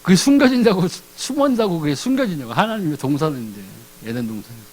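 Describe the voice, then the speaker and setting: Brief: male preacher, high voice with lively swings, animated sermon, asks and answers his own questions. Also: fast, rough recording. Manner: animated, acts out biblical characters in casual speech; asks the congregation questions and answers them himself. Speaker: ordained deacon preaching.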